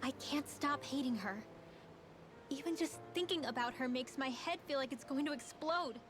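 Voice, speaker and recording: Woman acting high-voiced troubled teenage girl, Rinwell. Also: normal speed, noisy background, natural voice. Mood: anguished. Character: troubled, conflicted teenage girl mage of fantasy game. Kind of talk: video game voice acting. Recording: game music behind the voice.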